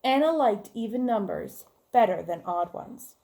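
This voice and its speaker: Speaking at a measured pace, a woman with a slightly high, animated voice and a dark tone reads a kids' story the way a teacher might. She acts out the characters' speech, asks her listeners questions and chats with them, keeping everything expressive and easy to follow.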